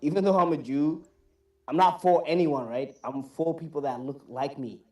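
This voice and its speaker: A man's voice: a little high, moderate pace, warm tone. Pleading man in a roomy, distant call. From half Somali, half American. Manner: pleading, keeps saying "right?" and "brother". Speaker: panelist in an online debate. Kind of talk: heated panel debate.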